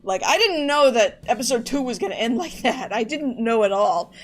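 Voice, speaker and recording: A woman's voice: a little high, expressive, moderate pace, a little hiss or hum. A woman streamer chatting casually to her live audience, rambling and going off on tangents. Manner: rambling, chatty, often restarts and trails off.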